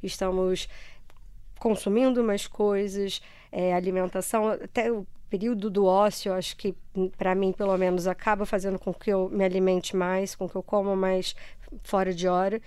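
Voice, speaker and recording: Clear-voiced Brazilian woman with a Rio accent. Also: medium pitch, level tone, normal speed, mellow, no room sound. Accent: Brazilian, Rio de Janeiro (carioca). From Ceará, Brazil. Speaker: interview guest. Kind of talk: conversational personal interview.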